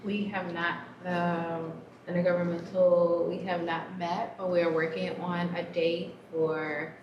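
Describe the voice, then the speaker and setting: A woman's voice: lowish voice, little pitch movement, unhurried. A woman board member giving an unsure update, searching for words. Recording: echoey, muffled, noisy.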